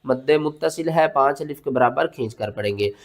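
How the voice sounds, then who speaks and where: A man teaching Quran pronunciation step by step, spelling words letter by letter and chanting the verses slowly, asking and answering his own questions. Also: mid-range voice. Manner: patient, explanatory, asks questions and answers them himself.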